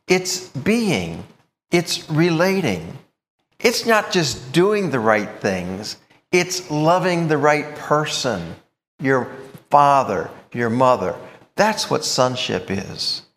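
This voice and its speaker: A man preaching a sermon, emphatic and expressive, explaining scripture with thoughtful asides. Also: medium pitch, big-room sound.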